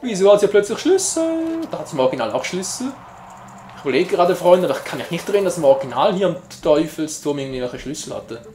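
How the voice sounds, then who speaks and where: A man's voice: on the high side, big pitch swings, quick pace, a little mellow, roomy sound, faint music behind. A man giving casual, jokey gameplay commentary as a let's player, chatting to his viewers.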